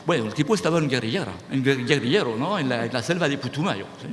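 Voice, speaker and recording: At a conference, a man talks fast in a medium-pitched voice, lecturing an audience in a hall. Animated, he restarts words and checks with "¿sí?"; the recording has reverberation and faint noise.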